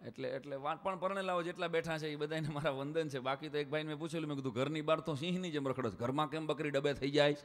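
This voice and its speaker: Male stage comedian, slightly high voice, chatty with the crowd, quick mimicry, long hall reverb. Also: steady tone. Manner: chatty, addresses the audience directly and mimics voices. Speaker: stage comedian at a folk show. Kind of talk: live stage comic storytelling. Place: stage before a live audience.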